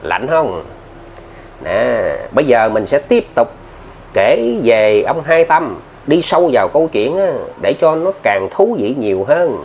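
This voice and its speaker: Lively Southern Vietnamese storyteller man. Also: mid-range voice, a little slow, slight background noise. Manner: chatty, addresses listeners often, many filler words. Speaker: ghost story narrator, channel host. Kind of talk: casual spoken storytelling.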